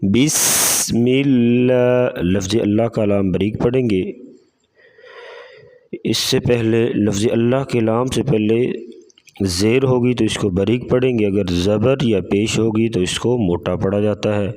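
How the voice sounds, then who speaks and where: A man with a Pakistani Urdu accent giving a tajweed lesson, drawing recited words out slowly and then explaining in brisk plain speech. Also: lowish voice, steady tone, dark tone. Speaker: Quran recitation teacher.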